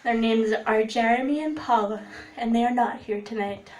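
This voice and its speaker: A woman's voice: on the high side, normal speed, a little hiss or hum. A young woman telling funny stories on a stage, laughing as she goes and acting out what people said. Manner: animated, laughs while telling, acts out quotes. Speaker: storyteller. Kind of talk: live comedic storytelling. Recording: roomy echo, voice from far off.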